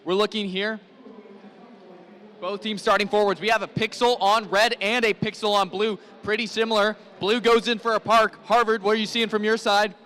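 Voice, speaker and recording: A high-voiced man with a bright, forceful edge calls a live competition. He works as a hype announcer, bouncing calls off a partner and addressing the crowd. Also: little pitch movement, normal speed. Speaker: play-by-play event announcer. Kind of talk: live robotics competition commentary.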